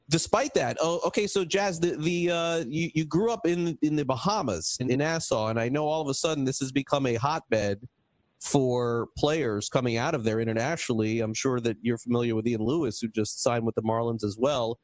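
A man's voice: mid-range voice, brisk, dry recording. A man hosting a sports podcast, interviewing a guest in a rambling, casual way with many restarts. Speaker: podcast host.

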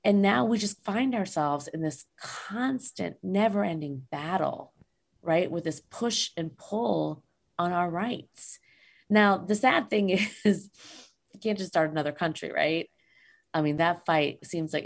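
A woman's voice: on the low side, measured pace, vocal fry. A woman guest in a casual talk, speaking with passion and emphasis and often asking "right?". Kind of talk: casual conversation.

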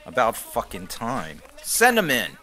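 A man's voice: mid-range voice, wildly swooping pitch, a little slow, bright, forceful tone, full character voice. A man playing a bullying, sarcastic record executive in a scripted comedy skit, caustic, profane and confrontational. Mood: curt contempt.

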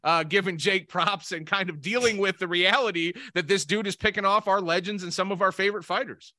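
A man hosting a combat sports podcast, delivering an energetic, hyped introduction. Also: high-pitched, fairly quick, dry recording, studio quality. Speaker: podcast host. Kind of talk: upbeat show hosting. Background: music.

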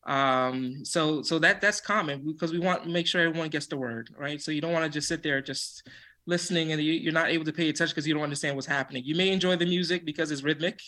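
Bright-voiced man, a doctor on the radio. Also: fairly high pitch. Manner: earnest, storytelling, quick to laugh. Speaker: physician guest. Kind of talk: casual radio conversation.

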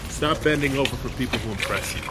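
An actor playing a wry, sardonic federal agent with an odd sense of humor. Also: male voice, mid-range voice, fast, lightly acted. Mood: dry. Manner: dry, sardonic. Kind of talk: audio drama acting. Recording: noisy background.

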